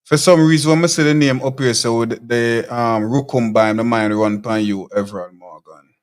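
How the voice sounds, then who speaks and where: On his live talk show, a Jamaican host with a mid-range voice and ordinary speed reads viewer comments and responds with combative bluntness. His phrasing is loose, full of repeats and restarts.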